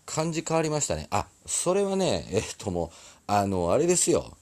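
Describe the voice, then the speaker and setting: A man's voice: lowish voice, wildly swooping pitch, moderate pace, darkish tone. A man with an Osaka accent, a musician chatting casually on a live stream from a recording studio, rambling and apologizing, often laughing. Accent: Osaka dialect.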